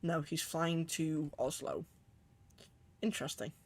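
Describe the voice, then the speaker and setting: Chatty man with a creaky voice. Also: fairly high pitch, fairly even intonation, slow pace. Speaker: flight sim streamer, virtual pilot. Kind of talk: casual livestream commentary with radio readbacks.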